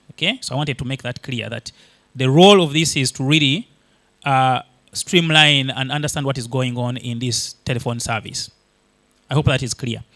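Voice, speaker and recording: A conference presenter from Uganda, a man whose first language is Luganda, explains his material step by step, with lots of fillers and restarts. His voice sits in the mid range and sounds a bit bright, with no room sound at all.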